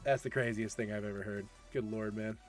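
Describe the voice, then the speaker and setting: A man's voice: lowish voice, fairly even intonation, brisk, faint music behind. Chatty man in his thirties hosting a stream. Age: 30s. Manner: chatty, answers chat questions, laughs often. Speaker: esports league host. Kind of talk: casual livestream Q&A.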